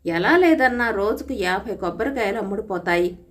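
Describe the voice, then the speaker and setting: Storybook figure: a gentle, reassuring old priest, voiced by a woman reader. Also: medium pitch, lively intonation, brisk, lightly acted. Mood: kindly, calm. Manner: kind and reassuring. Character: kindly older male temple priest, a family friend.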